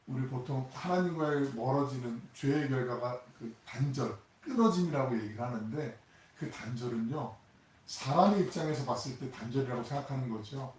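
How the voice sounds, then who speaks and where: An animated male pastor preaches a sermon in a conversational way and keeps putting questions to his listeners. His voice sits at a mid pitch for a man. The sound is distant and heavily echoing, as in a large church. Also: normal speed. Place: church sanctuary.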